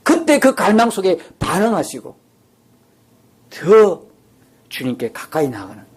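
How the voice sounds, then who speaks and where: Male pastor with a high voice, preaching a sermon and acting out pleading prayers. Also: wildly swooping pitch, unhurried, background noise. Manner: acts out quoted prayers with rising intensity; drops to a soft near-whisper at times.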